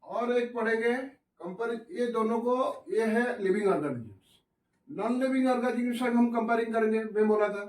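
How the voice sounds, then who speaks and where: A man with an extremely high-pitched, darkish voice lectures a biology class in Hindi at a whiteboard, speaking at normal speed and blending in English science terms. He asks the students questions and answers them himself. The room is echoey and he sounds distant.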